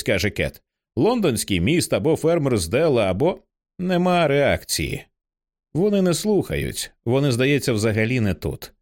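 A male audiobook narrator reading a horror screenplay. His mid-pitched voice moves with lively swings. He lifts it high for the quoted lines of the other characters.

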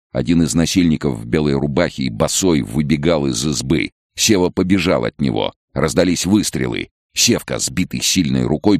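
A man narrating an audiobook in a measured, dramatic reading. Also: extremely low pitch, gravelly, darkish tone, no echo, studio quality. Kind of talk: scripted narration.

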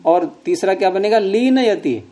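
Guy teaching grammar class, kinda high voice, mellow, teases students a little. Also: lively intonation, unhurried. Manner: patient, repeats and quizzes students with questions; gently teasing, chuckles.

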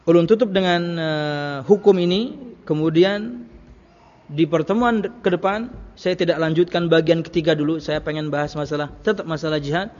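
At a moderate pace, a man with a slightly high, darkish voice preaches Islam to a congregation. His conversational lecture leans on anecdotes, rhetorical questions and repeated phrases, and the hall recording comes across muffled and reverberant.

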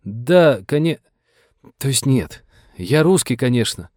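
A man's voice: medium pitch, big pitch swings, slow, darkish tone, dry recording, clean studio sound, pitched above the performer's own voice. A man voicing a hesitant, baffled young man who asks flustered questions.

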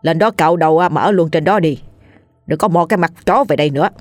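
A woman doing a gruff old thief. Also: deep voice, fairly quick, darkish tone, no echo, faint music behind. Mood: cursing. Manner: coarse, cursing, bossy. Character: gruff old male village thief, hot-tempered.

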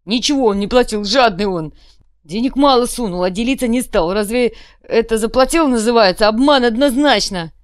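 A woman's voice: a little high, moderate pace, no echo, studio quality, lightly acted. A woman voicing a crude, whiny male redcap thug in an audiobook, rambling and pleading, repeating words. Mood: grumbling. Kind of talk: audiobook character voice.

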